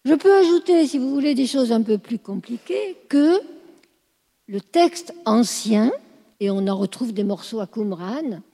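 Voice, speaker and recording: Woman teacher giving a lecture, kinda husky, lots of hall reverb. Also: on the high side, dark tone. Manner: explanatory, checks understanding often. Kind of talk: classroom lecture.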